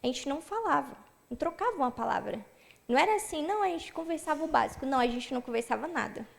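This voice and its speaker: A young woman shares her personal testimony with a church audience. Her high voice has a gravelly edge. She tells the story in a lively way and acts out the dialogue she remembers. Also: fast. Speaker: church member giving a testimony.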